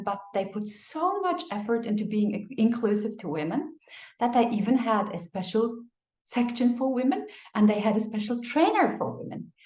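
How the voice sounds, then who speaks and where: A woman giving animated migration advice, telling stories and acting out the people she quotes. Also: medium pitch. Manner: expressive storyteller, acts out quotes, laughs. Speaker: migration advisor. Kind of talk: animated advice talk with anecdotes. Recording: echoey room.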